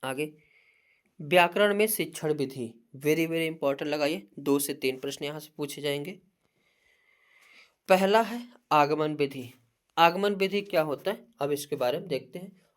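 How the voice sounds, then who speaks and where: A Hindi teacher giving an exam-prep lecture, reading points in a steady listing voice and often asking a question mid-sentence, then answering it herself. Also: mid-range voice, unhurried.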